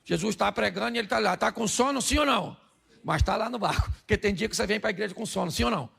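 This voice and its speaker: A man's voice: sits high, quick pace, fairly bright tone. A Brazilian man preaching a humorous sermon as a pastor, acting out dialogue and asking the congregation to answer yes or no. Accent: Brazilian Portuguese. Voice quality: gravelly, husky. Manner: jokey storytelling, acts out dialogue, asks the crowd "sim ou não?".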